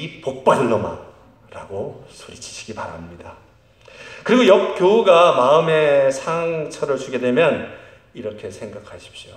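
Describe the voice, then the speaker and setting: A middle-aged man preaching a sermon as pastor of a church, swinging between loud emphatic lines and very quiet ones. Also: medium pitch. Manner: lively, animated delivery. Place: church sanctuary. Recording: roomy church sound.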